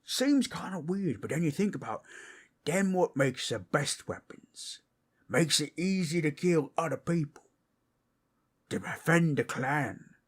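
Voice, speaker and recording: A man voicing a boastful, friendly ork masseur in an ASMR role-play, with a rough, husky voice and a folksy, rambling way of talking. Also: a little high, expressive, a little slow. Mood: chatty, boastful. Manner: folksy, rambling, boastful fantasy-brute talk with rustic grammar.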